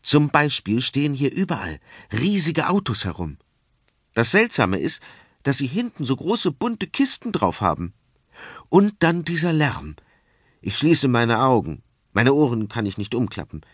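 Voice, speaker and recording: Man narrating a children's storybook, very lively. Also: medium pitch, unhurried, slightly rough, no room sound, clean studio sound. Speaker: audiobook narrator.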